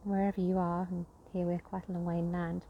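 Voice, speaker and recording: A woman guiding a nature breathing meditation, speaking gently and unhurriedly with pauses between phrases. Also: lowish voice, flat delivery, narrow, tinny audio, a little hiss or hum. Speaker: nature connection guide.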